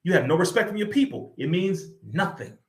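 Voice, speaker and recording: A man's voice: high-pitched, lively intonation, fairly quick. A young man giving impassioned reaction commentary on a video, preaching and addressing listeners directly as y'all. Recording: echoey room.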